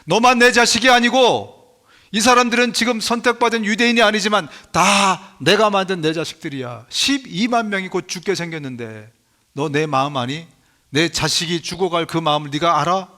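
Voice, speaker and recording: A man's voice: high-pitched, bright, forceful tone. A man voicing God as a stern father who scolds and pleads in a sermon retelling. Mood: pleading. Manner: rebuking, emphatic, slow and raised.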